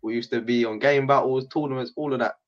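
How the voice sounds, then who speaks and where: A man's voice: mid-range voice, steady tone, fast, lo-fi sound. A man with a London roadman accent, chatting casually in street slang as a podcast guest. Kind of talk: casual chat.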